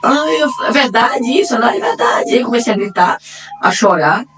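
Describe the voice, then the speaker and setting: A woman with a Brazilian accent giving a personal faith testimony, acting out the dialogue as she retells it and swinging between quiet and excited. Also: a little high, normal speed, over music. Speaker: testimony giver. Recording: distant mic, faint room ambience.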